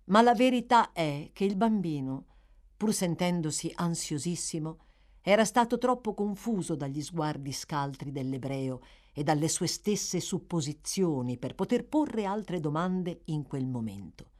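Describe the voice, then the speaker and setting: Brief: woman narrator for a classic novel, low-set voice with wide, animated intonation. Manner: expressive, measured storytelling. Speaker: audiobook narrator. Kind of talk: scripted literary narration.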